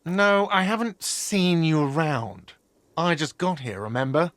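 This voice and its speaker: Sarcastic hostel manager. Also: male voice, fairly high pitch, animated, a little slow, fairly bright tone, no room sound. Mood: irritated. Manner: sarcastic, dismissive. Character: curt, irritated male hostel manager.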